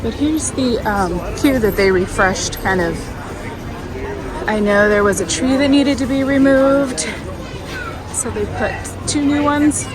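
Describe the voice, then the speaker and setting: A woman vlogging in a casual, chatty and excitable way at a theme park. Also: fairly high pitch, measured pace, rough recording. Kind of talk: casual vlog chat. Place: theme park ride queue. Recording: loud park music and crowd. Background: music, crowd.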